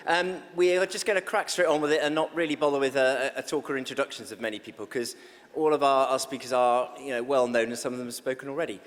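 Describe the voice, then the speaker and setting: Man, session chair, quick delivery, stumbles, long hall reverb. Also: mid-range voice, fairly even intonation. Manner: brisk, stumbling over words. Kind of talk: introducing a speaker. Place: conference hall.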